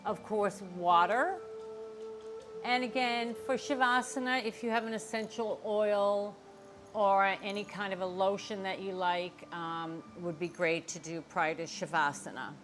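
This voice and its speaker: An older woman leads a yoga class in a fairly high voice. She explains each step in an encouraging way, speaking straight to viewers. Music plays clearly behind her. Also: steady tone, unhurried, a bit bright. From Boston area, United States. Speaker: yoga instructor. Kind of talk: instructional class talk to viewers.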